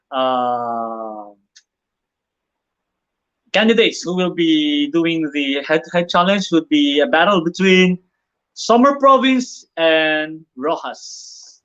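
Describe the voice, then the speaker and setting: Male host, high-pitched, playful talk, muffled online sound. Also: a bit bright, smooth. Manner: chatty, mixes English and Filipino, jokes. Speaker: interview host. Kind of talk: casual online interview. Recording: dull lo-fi online audio.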